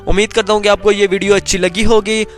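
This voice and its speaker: A Pakistani man with a notably high-pitched voice delivers a promotional pitch for a video channel. He sells insistently in teleshopping fashion, hammering key claims again and again, with faint music underneath. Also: little pitch movement, fast. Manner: insistent teleshopping-style selling, repeating key claims emphatically. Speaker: video channel host presenting product offers.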